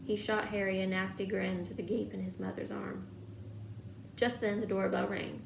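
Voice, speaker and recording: Gravelly woman reading a story aloud. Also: mid-range voice, normal speed, echoey room, slight background noise, poor audio. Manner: steady storytelling. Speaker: reader.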